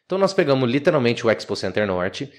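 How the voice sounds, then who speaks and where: A man hosting a casual podcast, explaining things in an animated, slangy way. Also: medium pitch, fast talker. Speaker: podcast host.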